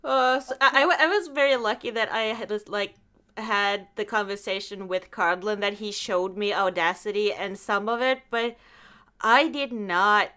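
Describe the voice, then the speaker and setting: A woman hosts a podcast, chatting casually and animatedly acting out her own reactions as she tells stories. Her mid-range voice is clear and resonant, at a moderate pace.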